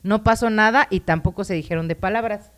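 Young woman, Mexican accent, live-stream co-host, crude slangy banter, reads stories aloud, mid pitch. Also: fairly quick, a bit bright. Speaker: podcast co-host. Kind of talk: casual live-stream chat.

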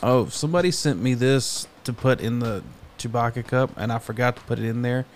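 A man's voice: medium pitch, brisk, a little hiss or hum. Playful male podcast host. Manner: playful, teasing, laughs often. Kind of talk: casual podcast chat.

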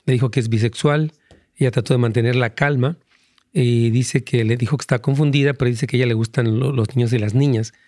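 Pastor with a dry, close voice. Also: male voice, medium pitch, fairly even intonation, brisk, a little mellow, no echo. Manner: conversational teaching with frequent fillers and restarts. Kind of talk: answering listener questions on a live program.

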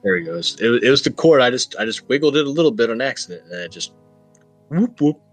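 A man's voice: mid-range voice, animated, quick pace, soft background music. A man hosting a podcast, chatting casually and rambling through jokes and banter. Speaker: podcast host.

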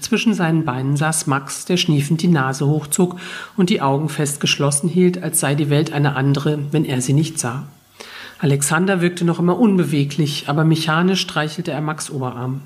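A woman narrating a first-person novel as an audiobook, telling it in a calm, even way. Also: low voice, normal speed.

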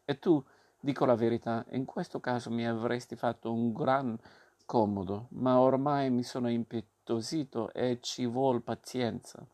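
A man doing a gruff rasping puppet master. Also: medium pitch, darkish tone, close to an everyday voice. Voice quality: rasping, sneezing. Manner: blustering, barking orders. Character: gruff bearded male puppet master, bluff but soft-hearted. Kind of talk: audiobook reading.

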